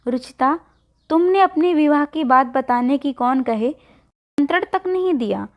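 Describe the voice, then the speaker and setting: A woman's voice: high-pitched, lively intonation, unhurried. Insistent young best friend, voiced by a woman narrator. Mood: reproachful. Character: young woman, bride's pushy close friend. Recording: dull lo-fi recording.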